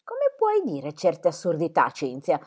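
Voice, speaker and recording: A woman voicing a fussy, sharp-tongued middle-aged mother in an audiobook reading, prim and scolding. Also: low-pitched, huge pitch swings, measured pace, breathy edge, exaggerated voice.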